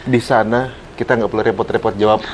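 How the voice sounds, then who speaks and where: A man's voice: on the low side, fairly even intonation, fast. Agreeable male host, faint room noise. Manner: affirming backchannels, agreeable. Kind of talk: casual interview chat.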